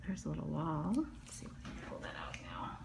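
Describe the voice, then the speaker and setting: A woman's voice: sits low, big pitch swings, fairly quick, gravelly, whispered. A middle-aged woman dermatologist chatting and telling stories while she works on a patient in a medical office, often dropping to a murmur. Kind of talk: chatting while performing a procedure.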